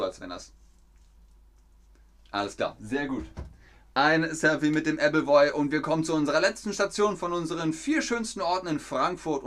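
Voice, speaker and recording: A man teaching German to a live chat. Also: fairly high pitch. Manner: asks viewers questions and reads out chat comments; repeats and rephrases sentences slowly for learners. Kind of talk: live-streamed language lesson with chat.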